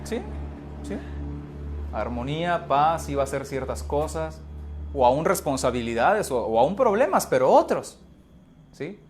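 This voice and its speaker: A man's voice: on the high side, big pitch swings, a little slow, long pauses, darkish tone, slight background noise. A man giving an informal talk on psychology, speaking emphatically and constantly checking in with rhetorical questions. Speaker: speaker on emotional health.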